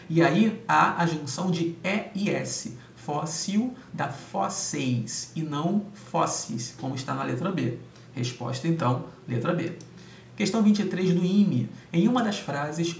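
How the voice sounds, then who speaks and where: A man's voice: fairly high pitch, vocal fry. A man teaching grammar, going through exam answers step by step and often checking in with his students. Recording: echoey room, distant mic, faint hum.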